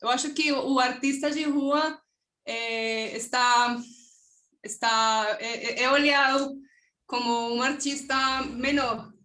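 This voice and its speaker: Colombian woman, high bright echoey voice. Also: steady tone, slow. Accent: Colombian Spanish. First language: Spanish. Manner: hesitant, searching for words, many tag questions. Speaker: conference presenter. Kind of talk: answering questions at an online academic panel. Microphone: video call.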